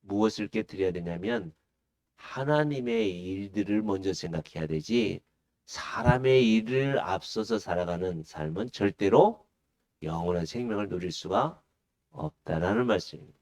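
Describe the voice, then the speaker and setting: A man's voice: fairly low pitch, big pitch swings, normal speed, creaky, a little mellow. A male pastor preaching a sermon. He puts questions to the congregation and answers them himself. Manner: acts out the disciples' pleading in a raised voice.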